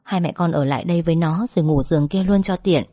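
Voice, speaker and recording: Lady reading a gentle older mom, reassuring, warm low voice. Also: quick pace, no echo, clean studio sound. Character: kind older mother.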